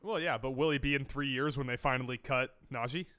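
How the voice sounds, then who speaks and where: A man co-hosting a sports podcast in casual chat, with wry asides and a quick rundown of the games. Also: medium pitch, pushed and bright, clear, resonant tone. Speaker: podcast co-host.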